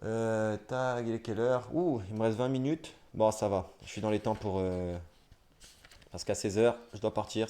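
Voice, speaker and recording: A young man streaming live, reading dictionary entries aloud at a brisk clip and breaking off for wry, self-mocking asides. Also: fairly low pitch, mellow. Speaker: livestreamer.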